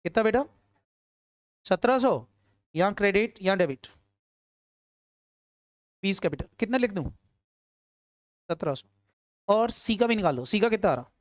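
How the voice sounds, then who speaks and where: A woman teaching accounts to a class, firing questions at her students, urging quick answers and often answering them herself. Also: mid-range voice, expressive, no echo, clean studio sound. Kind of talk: classroom lecture.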